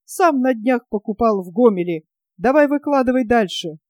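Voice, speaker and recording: A woman voicing a gruff, strong old man who growls hoarsely and shouts threats. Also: on the high side, expressive, moderate pace, dry recording, lightly acted. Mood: triumphant.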